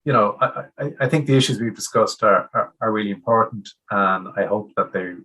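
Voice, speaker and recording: A man's voice: fairly low pitch, a little fast, sharp tone, low-quality recording. A man being interviewed as a trade union guest, speaking with frequent fillers and restarts. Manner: hesitant, many restarts and fillers. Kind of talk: conversational interview.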